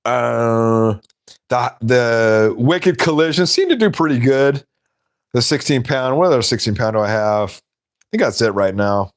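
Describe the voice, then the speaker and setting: A man's voice: mid-range voice, a little slow. A man hosting a casual live stream, rambling and laughing at his own stories.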